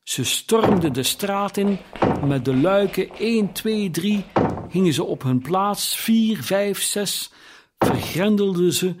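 A man reading a classic story aloud as narrator, in a slow and deliberate way. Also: high voice, lively intonation, heavy background noise. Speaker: audiobook narrator.

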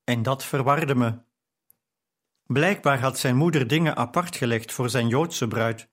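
A man reads a novel aloud in a calm, steady storytelling voice. He takes his time over each sentence, with an ordinary mid-range pitch. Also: a little slow. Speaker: audiobook narrator. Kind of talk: scripted narration.

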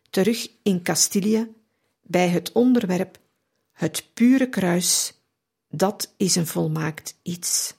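A woman reads a devotional biography aloud for radio in a calm, measured, reverent way. Her voice is husky and a little gravelly, and she sits slightly low in pitch. She takes her time over every phrase. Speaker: radio reader of a saint's biography. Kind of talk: slow devotional reading aloud.

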